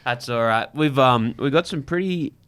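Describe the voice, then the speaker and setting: An Australian man hosts a casual podcast with a smooth, clear voice. He jokes and teases his mates, laughing easily as he keeps the chat moving. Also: mid-range voice, moderate pace, fairly bright tone. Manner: jokey, laughing, teasing. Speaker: podcast host.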